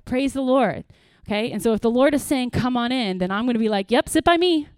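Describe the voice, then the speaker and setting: A middle-aged woman pastor giving an earnest, lively workshop talk to parents, with praise asides and acted-out stories. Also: on the high side, fairly quick, smooth, no echo. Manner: lively storytelling, acts out quotes with bursts.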